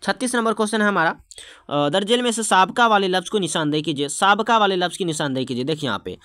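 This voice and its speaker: High-voiced man teaching. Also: lively intonation, fast talker, sharp tone, dry recording, clean studio sound. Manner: explains by repeating terms and asking the class questions. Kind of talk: exam-prep lesson.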